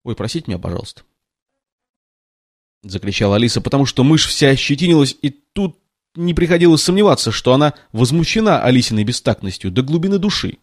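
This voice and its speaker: A man's voice: medium pitch, very animated, quick pace, dry recording, studio quality. A man reading a storybook aloud in a casual way, now and then breaking off to comment on the text. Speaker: reader. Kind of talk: storybook read-aloud with ad-lib asides.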